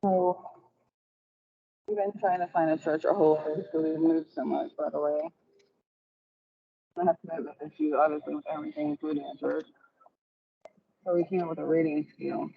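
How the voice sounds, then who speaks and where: A woman's voice: sits low, fairly even intonation, a little fast, gravelly, pauses often, a little hiss or hum. A woman in a casual chat who talks with her phone held away from her mouth while working out, so she sounds distant and faint. She has an offhand manner and laughs at herself. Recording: dull lo-fi phone audio, voice from far off.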